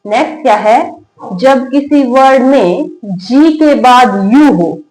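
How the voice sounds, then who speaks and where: A woman teacher walks through a spoken English lesson. Her voice sits a little high. She asks a question, answers it herself, and repeats each word patiently. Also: takes it slowly, a little mellow, low-quality recording. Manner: repetitive call-and-response drilling, asking and answering her own questions.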